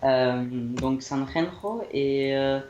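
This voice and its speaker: A man's voice: mid-range voice, drawn-out words, darkish tone, highs cut off. A young man chatting casually about his holiday, hesitant, with many fillers and restarts. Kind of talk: rambling casual chat. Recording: echoey room, faint noise.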